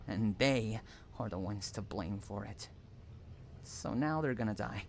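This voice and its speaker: In an intimate audio drama, a man plays an unhinged, possessive stalker, slowly addressing a captive lover, and the listener, in a roleplay monologue. His lowish, gravelly voice coos endearments and threats in the same breath, menacing, wounded and obsessive. Some noise sits behind the voice.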